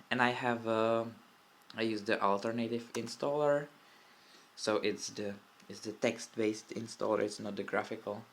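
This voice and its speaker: Sitting at a desk near a window, a young tech hobbyist from the Czech Republic walks through an install in loose, rambling commentary. His low voice is creaky and Czech-accented, and he keeps correcting himself and muttering asides to the camera. The old smartphone camera mic gives a lo-fi sound with faint room noise.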